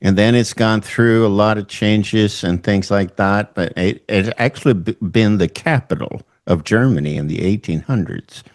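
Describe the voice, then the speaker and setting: A middle-aged man from northern Sweden with a Swedish accent, hosting an online interview in a slow, halting way with many fillers. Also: lowish voice. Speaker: host.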